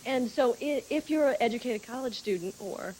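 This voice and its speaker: A woman's voice: on the high side, expressive, normal speed, darkish tone, slight background noise, rough recording. A woman making an earnest point as a talk show audience member.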